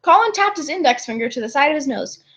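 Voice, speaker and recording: High, lively woman co-host. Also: fast talker. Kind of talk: casual banter and shared story reading. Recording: dull lo-fi microphone.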